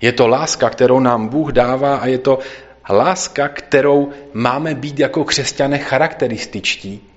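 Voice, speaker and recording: A man preaching a sermon at a church service and reading scripture aloud, earnestly slowing for emphasis. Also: medium pitch. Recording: dull lo-fi recording.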